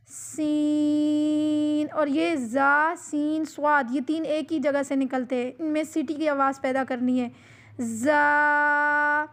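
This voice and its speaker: A woman with a high voice gives a recorded lesson on pronouncing Arabic letters. She explains gently and repeats herself often, stretching each letter long as she demonstrates it. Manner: patient, repeats instructions, drawn-out letter demonstrations. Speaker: Quran recitation teacher.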